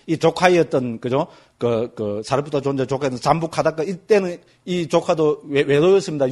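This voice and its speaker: Male Buddhist monk teacher, rapid lively storytelling, fond of tag questions. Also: a little high. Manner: lively storytelling, constantly asks listeners for agreement. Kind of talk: Buddhist scripture lecture.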